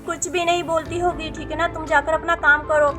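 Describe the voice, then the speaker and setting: A woman voicing a quarrelsome, sharp-tongued village sister-in-law who answers snappishly, in a doll video role-play. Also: very high voice, little pitch movement, fairly quick, over music. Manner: snappish, defensive.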